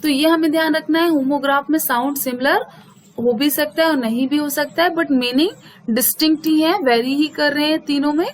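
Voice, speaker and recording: High-voiced woman teacher. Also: a little hiss or hum. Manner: mixes Hindi and English, reads English definitions slowly. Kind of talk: explaining a school English lesson.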